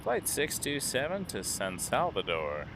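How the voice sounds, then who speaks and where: A man's voice: medium pitch, huge pitch swings, a little slow. A man hosting a live plane-spotting stream with casual running commentary. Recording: heavy outdoor or airfield background noise.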